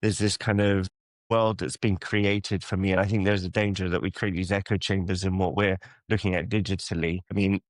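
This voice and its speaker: This church youth ministry worker from England's London area is a podcast interview guest, with a low voice and flat delivery at a slightly fast pace. He responds thoughtfully and hesitantly, using many ums. There's no room sound.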